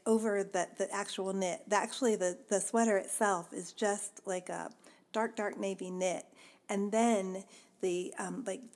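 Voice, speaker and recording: A woman's voice: medium pitch, darkish tone. Chatty woman podcast host. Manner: chatty, laughs often, many fillers. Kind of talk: casual chat.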